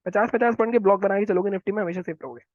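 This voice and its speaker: A man talking viewers through market charts, quick and instructive, often repeating his phrases. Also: high-pitched, no room sound, highs cut off. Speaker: stock market analyst. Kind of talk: chart analysis walkthrough.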